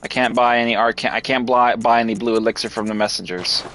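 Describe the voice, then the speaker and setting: A man's voice: medium pitch, steady tone, fast, fairly bright tone, a little hiss or hum. Frustrated man swearing through gameplay. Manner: frustrated, swearing often, stammering restarts. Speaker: gameplay streamer. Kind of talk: live gameplay commentary.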